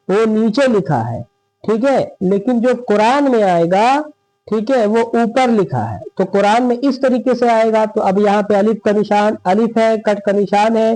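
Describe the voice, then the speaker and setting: A man with a high but mellow voice teaches Quran reading step by step. He drags out each example word slowly and keeps asking if it is clear. The sound is dry and close, with no room echo. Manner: drawn-out demonstration of words, frequent checking "theek hai". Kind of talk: slow step-by-step recitation lesson.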